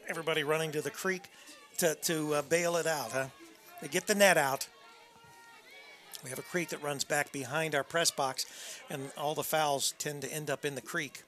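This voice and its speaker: A man giving conversational, unscripted play-by-play softball commentary with folksy asides. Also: a little high, fairly even intonation, moderate pace, soft background music. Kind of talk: unscripted live sports commentary. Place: press box at a college softball field.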